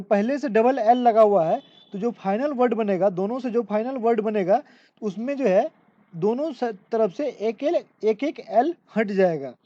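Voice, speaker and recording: Female tutor, a bit high, slow repetitive explainer, lo-fi recording. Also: warm tone, no room sound. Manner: repetitive step-by-step explaining, reads English rules out slowly. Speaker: English grammar teacher. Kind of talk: exam-prep lesson. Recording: dull lo-fi dry recording.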